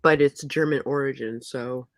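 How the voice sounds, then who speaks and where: Low-voiced, matter-of-fact woman. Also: steady tone, normal speed, dry recording. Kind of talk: casual livestream chat.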